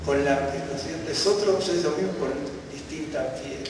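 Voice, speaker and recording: A man's voice: fairly high pitch, moderate pace. A man gives a conversational Bible teaching, often checking that his listeners follow. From Argentina. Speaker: teacher at a congregation. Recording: echoey hall, mic far off, faint room noise.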